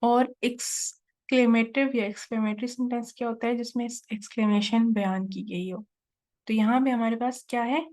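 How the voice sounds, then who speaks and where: A woman teaching a test-prep lesson, reading each English question slowly and then explaining it in Urdu-Hindi. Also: on the high side, steady tone, a little mellow.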